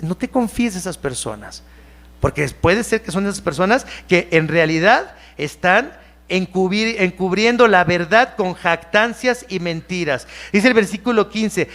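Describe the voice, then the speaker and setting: A man with a Mexican Spanish accent preaching a sermon as pastor in church, animated, at times mimicking churchgoers. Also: high-pitched.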